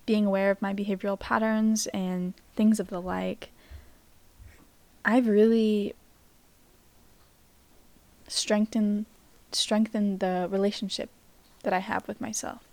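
Slow-paced, gentle woman podcast host, voice slightly strained. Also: medium pitch, flat delivery, no room sound. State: slightly losing her voice. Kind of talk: reflective spoken podcast on mindfulness.

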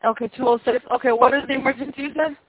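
Quick, high-voiced woman operator on phone. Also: steady tone, breathy edge. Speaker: after-hours call centre operator. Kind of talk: scripted phone call intake. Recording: muffled tinny phone line.

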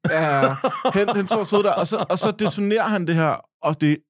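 A man's voice: sits high, no room sound, studio quality. A man co-hosting a podcast, telling a long story in a loose, rambling way with many fillers. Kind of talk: casual podcast chat, storytelling.

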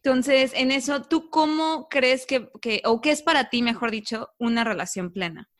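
A woman's voice: sits high, moderate pace, a bit bright. A woman co-hosting who muses reflectively and asks the guest questions. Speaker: podcast co-host. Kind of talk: casual chat.

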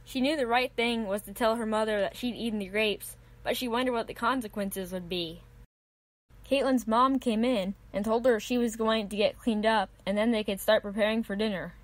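A woman narrating a children's Bible story in an even, clear read-aloud manner. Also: on the high side, normal speed, dry recording.

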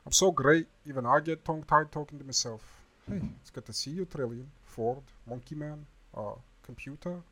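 A man playing a boastful, brash space captain with a loud, cocky, self-admiring manner. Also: a little high, moderate pace.

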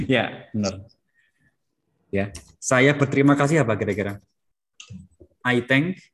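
A man's voice: medium pitch, expressive, slow, fairly bright tone. A man teaching a German class, patiently prompting students to say words back. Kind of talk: classroom language lesson.

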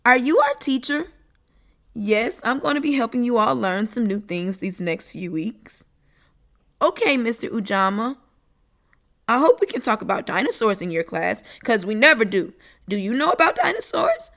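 Woman playing a curious small child, high, eager, questioning. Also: sing-song, moderate pace, a bit bright. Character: chatty, curious little child.

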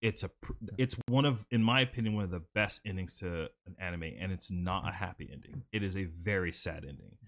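A man's voice: low-pitched, brisk, few pauses, a bit bright. A young man on a podcast, chatting casually and telling a long, rambling story full of fillers, his mic turned slightly away. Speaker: podcast host. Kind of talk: casual chat. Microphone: studio mic, off-axis.

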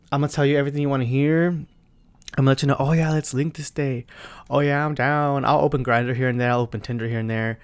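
A man in his twenties hosting a solo podcast, talking bluntly and profanely, with loud bursts and quiet asides. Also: medium pitch. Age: 20s. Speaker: podcast host. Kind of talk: casual solo podcast chat.

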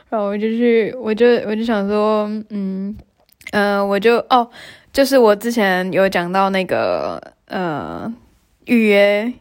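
Young woman podcast host, mid-pitched voice, chatty storyteller, laughs easily. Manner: chatty, laughs often, many fillers and restarts. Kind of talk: casual storytelling monologue.

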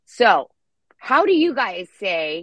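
A woman from Alabama with a Southern accent, co-hosting a casual talk show in a bubbly, excitable way. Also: medium pitch, slow pace, no room sound. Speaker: co-host.

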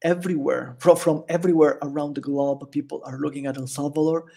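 A man from Italy, speaking English with an Italian accent, is a fast-talking podcast guest with a fairly high, creaky voice. He's a chatty, animated storyteller who laughs often throughout the casual interview.

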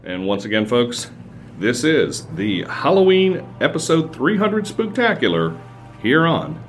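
A man's voice: mid-range voice, wildly swooping pitch, a little slow. A man hosting a show in a folksy, showman-like way, announcing with emphatic phrasing. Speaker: radio show host. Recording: faint music behind the voice.

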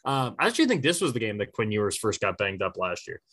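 Animated, bright-voiced man talking football. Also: lowish voice, fast talker. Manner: animated storytelling, swears freely, acts out quotes. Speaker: podcast co-host. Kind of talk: casual sports podcast chat.

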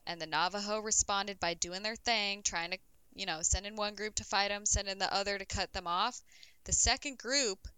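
Chatty podcast lady, super bright clear voice, dry close sound, says um a lot. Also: medium pitch, no room sound, poor audio. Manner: casual, swears, fillers like um. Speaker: podcast co-host, storyteller. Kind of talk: casual podcast storytelling.

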